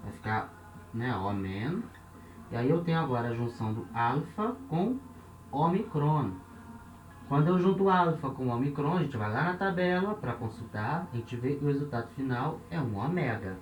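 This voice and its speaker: A man's voice: mid-range voice, expressive, normal speed, distant mic, dull audio. Brazilian guy teaching a class, talks it through step by step, sounds a bit off mic in a roomy echoey space. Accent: Brazilian Portuguese. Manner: explains step by step, counting aloud, with frequent checks like "né?". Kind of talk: classroom lesson at a board. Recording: roomy echo, off-mic, faint hiss.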